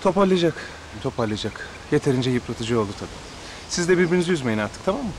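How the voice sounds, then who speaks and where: A man's voice: fairly high pitch, expressive, fast, natural voice. A man playing a polite, reserved, reassuring young man in a TV drama. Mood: subdued. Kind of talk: television drama acting. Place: outdoors in a sunny yard. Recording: clear outdoor ambient noise.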